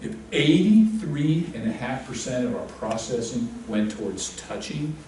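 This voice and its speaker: Unhurried and medium-pitched, a male instructor delivers a real estate lecture with lively, swinging intonation, joking and quizzing the class throughout. He's captured from afar in a very echoey classroom, with faint room noise beneath.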